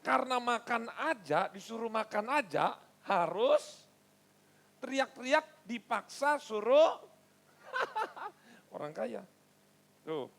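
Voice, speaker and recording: A middle-aged man preaches a lively sermon from the pulpit. His voice sits high for a man and carries a gravelly edge. He swings between stern points and playful jabs at his listeners. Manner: lively, mixes stern asides with playful teasing of the congregation. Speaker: pastor.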